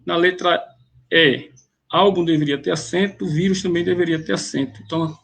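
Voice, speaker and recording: A man teaches rules through exam questions, working methodically and restarting phrases as he goes. His voice sits high and has a gravelly, husky edge. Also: fairly even intonation, normal speed, a bit bright. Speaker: grammar teacher.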